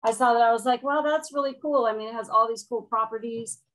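A woman's voice: on the high side, fast talker, fairly bright tone, rough recording. An older woman from Florida, a student in a witchcraft class, chatting casually and rambling a little on a video call from a room at home. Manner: chatty, self-deprecating, rambling. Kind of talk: casual chat.

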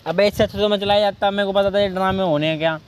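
A man's voice: sits high, fairly even intonation, very fast, slight background noise. A man in a casual argument with his girlfriend, coaxing and pleading over and over, yet stubborn. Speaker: boyfriend pulling a prank.

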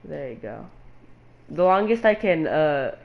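A man's voice: on the high side, big pitch swings, measured pace, creaky, lo-fi sound. A man hosting his own game stream, talking aloud in a scattered way as he works through settings and menus. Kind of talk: casual gaming chat.

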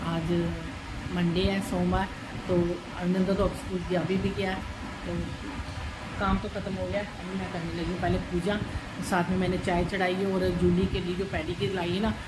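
A woman's voice: fairly low pitch, flat delivery, normal speed, very noisy. A middle-aged woman chatting casually in a home vlog while she does kitchen chores, rambling from one topic to the next, at times drifting away from the phone. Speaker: vlogger.

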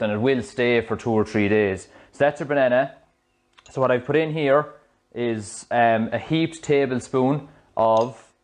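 A man in his thirties with an Irish accent, a fitness coach talking through a smoothie recipe in his home kitchen on a clip-on mic, chatty and explanatory. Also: mid-range voice. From Ireland. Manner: chatty, explanatory, loose restarts. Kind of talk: casual cooking demonstration. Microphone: small clip-on mic.

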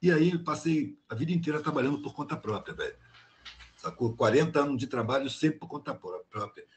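A man's voice: medium pitch, lively intonation, brisk, a little hiss or hum. An older man talking on a video call, telling a blunt, slangy story in casual chat. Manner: blunt and slangy, peppered with "mano". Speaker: meeting participant.

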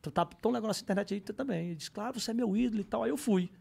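A man's voice: high-pitched, very fast, gravelly, a little mellow, breathy edge. A man, telling stories on a podcast in casual, slangy chat and bursting into sung parodies. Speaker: podcast guest, comedian.

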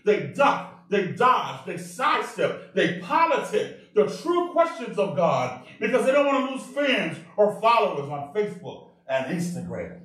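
Male pastor, sermon, animated call-and-response, high-pitched, distant mic. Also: measured pace, hardly any pauses. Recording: very echoey room, mic far off.

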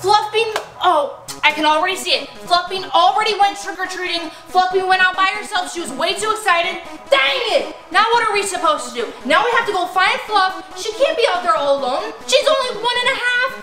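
High-pitched woman in an echoey room. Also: brisk, hardly any pauses. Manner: animated, gasping and exclaiming to her pets. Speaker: vlogger talking to toy llamas. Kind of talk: playful kids' pretend-play vlog. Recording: echoey room with music behind.

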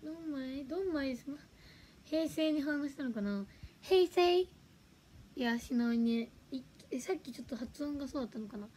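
A woman's voice: sits high, expressive, moderate pace, a little mellow. A young woman chatting casually on a livestream, giggling and reacting to viewer comments. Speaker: livestream host.

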